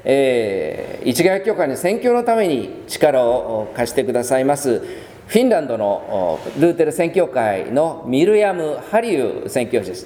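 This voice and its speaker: Male pastor preaching slowly, with a warm, animated delivery, in a reverberant church. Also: mid-range voice. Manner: measured, with many pauses and fillers. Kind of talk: sermon. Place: church sanctuary.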